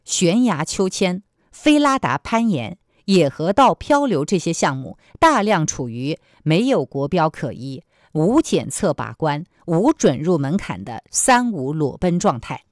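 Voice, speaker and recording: A woman news presenter with a slightly low voice reads scripted news and commentary. The sound is close and dry, with hardly any room. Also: big pitch swings, measured pace, no echo.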